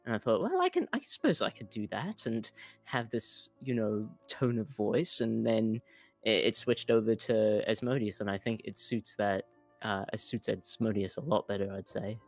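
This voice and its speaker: A man's voice: lowish voice, animated, moderate pace, vocal fry, faint music behind. A young man from New Zealand, a voice actor with a mixed Kiwi and American accent, talking casually in a rambling, hesitant way. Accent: New Zealand and American mix. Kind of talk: casual chat.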